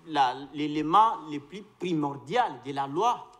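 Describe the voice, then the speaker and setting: A man lays out his argument earnestly in a political debate. His voice sits slightly high, and he keeps pressing on to finish his point. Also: lively intonation, a little slow. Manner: earnest, explanatory, pushes to finish. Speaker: debate guest.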